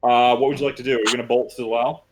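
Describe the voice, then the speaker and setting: A man's voice: mid-range voice, level tone, very fast, slight background noise, rough recording. A man running a tabletop game as game master, narrating loosely with casual swearing. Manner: loose, profane, laughing narration.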